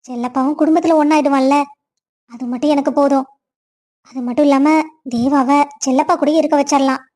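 Woman playing a mean scheming stepmom in a cartoon, high voice, always bossing and scolding. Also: fairly even intonation, brisk, mellow, close to an everyday voice. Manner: bossy, scolding. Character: scheming stern stepmother, middle-aged.

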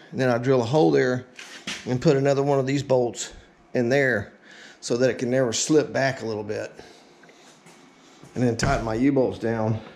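A middle-aged DIY vlogger with a medium-pitched, slightly mellow voice gives a casual, folksy demonstration in his indoor home garage, muttering to himself as he goes. Recorded on an action camera at varying distances, either on a tripod or handheld, the sound is roomy and echoey, with clear noise and handling clicks.

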